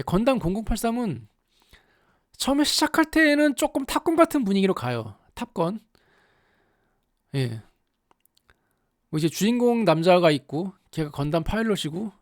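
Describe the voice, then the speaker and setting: A commentator telling a story in a casual, animated way, with exaggerated asides and rhetorical questions to the audience. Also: mid-range voice, moderate pace, pauses often, no room sound, clean studio sound. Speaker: YouTube anime commentator.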